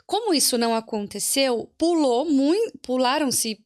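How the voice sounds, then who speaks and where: Brazilian woman guest, patient explainer, fairly high voice, lots of fillers. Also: lively intonation, measured pace. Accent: Brazilian Portuguese. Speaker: citizenship consultant guest. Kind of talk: explanatory interview talk.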